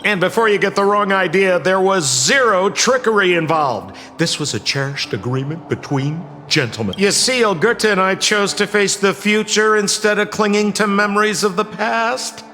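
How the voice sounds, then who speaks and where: A sly young swindler, forceful and theatrical, drawing out his smooth patter. The video game line sits in long reverb with music behind. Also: high-pitched, exaggerated voice. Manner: smooth-talking, showy, drawn-out.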